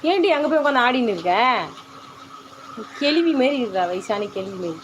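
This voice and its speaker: A woman's voice: on the high side, sing-song, moderate pace, slight background noise, low-quality recording. Woman coaxing her cats in sing-song calls. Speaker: pet channel host. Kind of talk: casual chat to cats and live viewers.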